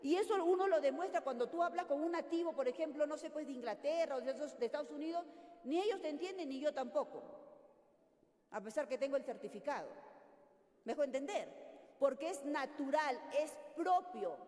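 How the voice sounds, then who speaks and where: An older woman from Peru leading a teacher workshop, lively and constantly checking in with her audience. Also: high voice, brisk. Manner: animated, questioning audience often. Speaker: teacher trainer. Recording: echoey hall.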